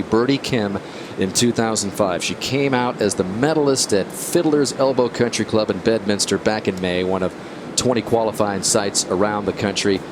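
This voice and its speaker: Low-voiced man, golf commentator. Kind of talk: live golf tournament commentary. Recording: steady outdoor rumble behind voice.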